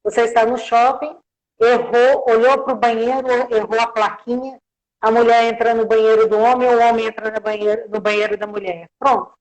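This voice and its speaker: A woman's voice: a little high, fairly even intonation, brisk, rough recording. Woman explaining with everyday examples. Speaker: guest communication professional. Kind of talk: live-streamed interview.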